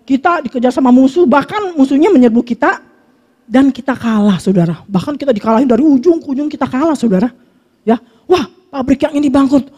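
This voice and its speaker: Reading scripture and sharing everyday stories, this pastor preaches in a casual, conversational way, constantly speaking straight to her listeners as brothers and sisters. Her voice sits high and sounds mellow and animated, with a quick pace.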